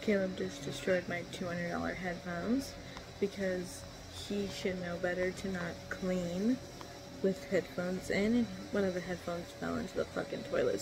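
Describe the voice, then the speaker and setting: A woman in her twenties records a casual vlog at home, recapping her day into a phone held at arm's length, lying on a couch and in a small indoor room. Her fairly low voice has vocal fry, and she rambles chattily with many "um"s. Background noise is audible.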